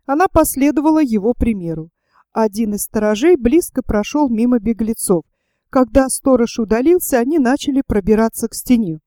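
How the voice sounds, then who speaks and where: A woman narrating a novel as an audiobook in a steady, measured reading. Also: on the high side, no room sound, studio quality.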